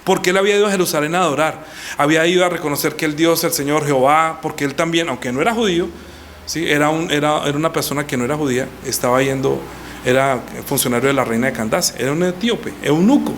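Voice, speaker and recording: A pastor teaches a baptism class in a lively, animated way, reading scripture and acting out quoted speakers. His voice sits fairly high for a man. A faint hum of the room is heard behind him. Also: fast. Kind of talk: teaching sermon.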